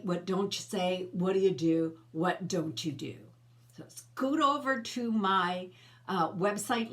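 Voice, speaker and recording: Middle-aged woman, host of a personal growth channel: casual, coaching talk to camera with questions for the viewer, voice of medium pitch. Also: fairly bright tone.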